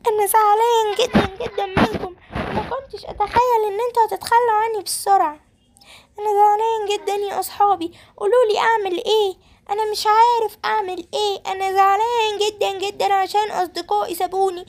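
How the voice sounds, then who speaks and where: A woman's voice: very high-pitched, fast, pushed and bright. A woman with an Egyptian accent voicing a stubborn young male monkey who refuses to bathe, whiny and childlike. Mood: sad. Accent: Egyptian Arabic.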